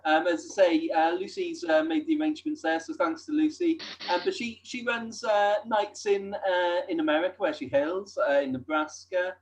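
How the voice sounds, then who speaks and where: A woman's voice: lowish voice, normal speed, a little hiss or hum, low-quality recording. A woman hosting a comedy night, introducing the next act hesitantly, with lots of ums. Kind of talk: introducing acts.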